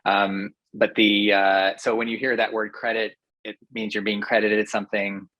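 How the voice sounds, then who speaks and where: A man, a professor, explaining ideas to a podcast host in a thoughtful, measured way with occasional fillers. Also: fairly low pitch, flat delivery, a bit bright, dry recording, poor audio. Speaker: professor guest. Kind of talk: explanatory interview talk.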